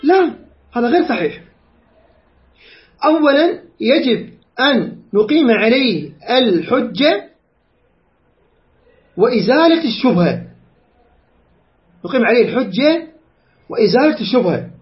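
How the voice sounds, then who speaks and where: A man's voice: very high-pitched, very animated, unhurried, pauses often, muffled recording. A man giving an earnest religious lecture, explaining rulings point by point and citing sources.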